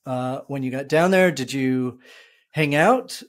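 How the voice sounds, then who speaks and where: Man, podcast host, mid pitch, casual, filler-heavy questions. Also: slow pace. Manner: asks long questions with many fillers. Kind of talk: casual interview chat.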